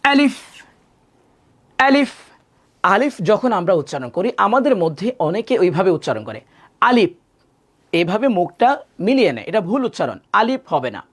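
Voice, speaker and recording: A male Quran teacher giving a live online lesson. He sounds out Arabic letters loudly and repeatedly, then explains more quietly, asking viewers to repeat after him. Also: sits high, sing-song, fast talker. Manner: addresses viewers directly, asks them to repeat after him.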